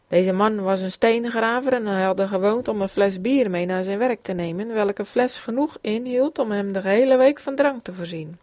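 A woman reads an old devotional memoir in a steady, solemn voice, in no hurry. Her pitch sits in the middle. The recording is dry and a little dull, as if made close to a plain home mic. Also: no room sound. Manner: steady, solemn reading in formal old-fashioned Dutch. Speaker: reader. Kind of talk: reading a religious memoir aloud.

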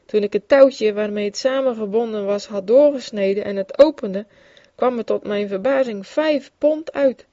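A woman's voice: medium pitch, moderate pace, warm tone, no room sound. A woman reading aloud an old devotional memoir, in an earnest tone that grows fervent in its exclamations. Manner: earnest, with rising fervor in exclamations. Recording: dull, dry lo-fi recording.

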